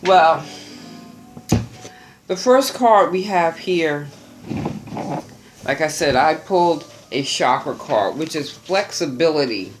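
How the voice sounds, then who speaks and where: A tarot reader speaks slowly and gently, giving a birthday reading straight to viewers. The delivery muses aloud with small restarts, and soft music plays faintly underneath. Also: mid-range voice, animated.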